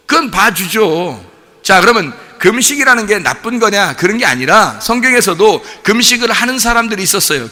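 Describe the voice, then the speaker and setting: A male pastor preaching a sermon in a lively way, asking rhetorical questions and laughing along. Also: high-pitched. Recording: long hall reverb.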